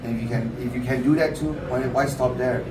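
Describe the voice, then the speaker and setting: A man in his thirties telling a story casually at a sit-down, halting and repeating words as he restarts his sentences. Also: medium pitch, fairly even intonation, recorded from a distance, noisy background. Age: 30s. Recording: roomy, off-mic, loud crowd chatter.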